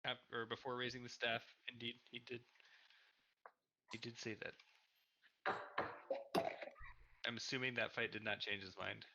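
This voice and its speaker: A man's voice: mid-range voice, fairly even intonation, quick pace, hardly any pauses, sharp tone, rough recording. A man playing a tabletop game, hesitantly describing his character's actions. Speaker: player. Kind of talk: casual tabletop game play.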